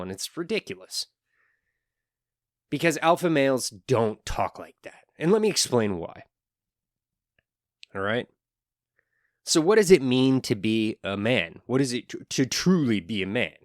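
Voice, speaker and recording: A man's voice: mid-range voice, very animated, moderate pace, pauses often, dry recording, studio quality. A man hosting his own podcast, giving an earnest solo monologue with wry asides. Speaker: podcast host.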